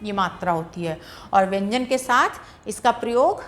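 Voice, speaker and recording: A woman teaching grammar in a patient, deliberate way, sounding out syllables one by one. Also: mid-range voice, lively intonation, faint music behind. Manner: patient, repeats syllables slowly and drawn out for pronunciation. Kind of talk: slow, deliberate classroom explanation.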